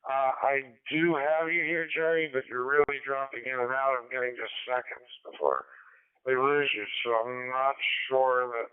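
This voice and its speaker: A man's voice comes through a thin, narrowband digital radio link with no room sound around it. He runs the net as control operator, calm and procedural, repeating calls for check-ins. His tone is clean and smooth in spite of the tinny channel. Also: medium pitch, moderate pace, dry recording. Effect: heard over a digital radio link.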